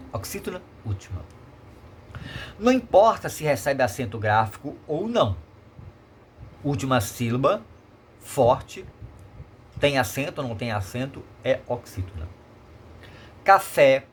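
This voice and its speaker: Lively Brazilian male teacher. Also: mid-range voice, a little hiss or hum. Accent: Brazilian Portuguese. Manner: repetitive, explanatory, checks in with tag questions. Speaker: Portuguese teacher. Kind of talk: remote classroom lesson.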